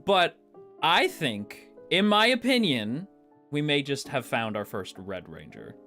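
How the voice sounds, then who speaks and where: A man's voice: fairly high pitch, sing-song, a little slow, sharp tone, soft background music. A man co-hosting a casual chat, enthusiastic and rambling, laughing often. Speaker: co-host.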